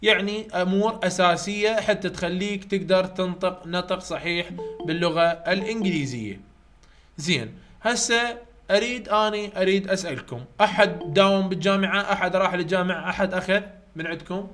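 Soft music plays behind this English phonetics tutor, a man with an Iraqi Arabic accent whose high, fairly bright voice moves fairly quickly. His live online lecture is chatty and repetitive, addressed directly to the students.

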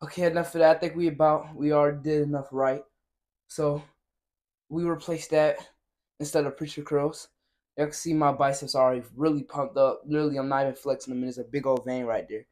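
A man's voice: on the high side, fairly quick. A man filming a casual workout vlog in a gym, tired from lifting and chatting straight to his viewers. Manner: relaxed, chatty, addresses viewers directly. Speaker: fitness vlogger.

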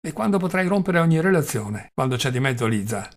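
A man's voice: a little high, big pitch swings, brisk. A man reading the part of Velchaninov, an angry, agitated man, in an audiobook. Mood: upset. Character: furious man, Velchaninov, shouting in anger.

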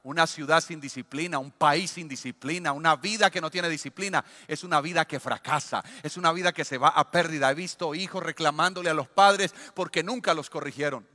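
Male pastor, high bright voice, emphatic sermon delivery. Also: a little fast, hardly any pauses, big-room sound. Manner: emphatic preaching, acting out parents and children.

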